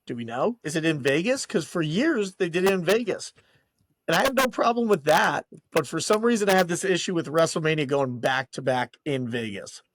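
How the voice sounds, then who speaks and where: A man's voice: fairly high pitch, lively intonation, fairly quick, dry recording. A man co-hosting a casual wrestling podcast, opinionated and emphatic in his takes. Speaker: podcast co-host. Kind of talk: casual chat.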